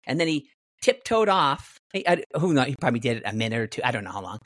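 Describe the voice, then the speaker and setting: A man's voice: medium pitch, big pitch swings, fast talker, fairly bright tone, no room sound, studio quality. A middle-aged man casually telling stories, rambling with many restarts and fillers. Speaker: guest martial artist. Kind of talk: casual storytelling.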